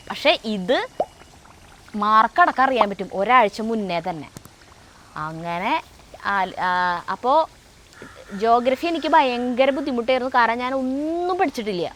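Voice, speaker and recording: Middle-aged woman, chatty home storyteller, slightly high voice, kitchen setting. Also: normal speed, a bit bright, slight background noise. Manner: chatty, many fillers and self-corrections. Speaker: co-host of a family cooking vlog. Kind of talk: casual storytelling.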